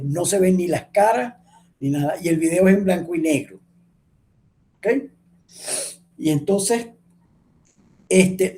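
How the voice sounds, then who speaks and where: A middle-aged man teaches an online class. His voice sits a little high but sounds mellow and warm. He explains step by step, constantly checking that his students follow, and a faint hiss lies under the recording. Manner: explanatory, asks the class frequent checking questions. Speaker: speech therapy lecturer.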